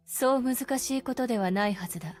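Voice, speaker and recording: An actress voicing a composed adult woman in a game, speaking in a measured, matter-of-fact way. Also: on the high side, over music, natural voice. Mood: calm. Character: composed, cold adult female strategist.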